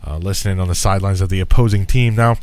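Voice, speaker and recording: A man's voice: deep voice, very fast, a little mellow, no room sound. A man hosting a casual talk radio show, chatty and easygoing with lots of filler words. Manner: easygoing, chatty, laughs often, many fillers.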